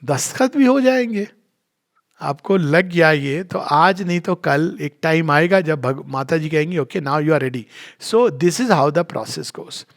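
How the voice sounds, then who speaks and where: A middle-aged man with a fairly high voice answers questions in a spiritual discourse. He explains things earnestly and tells stories along the way. He moves freely between Hindi and English. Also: lively intonation, slow pace.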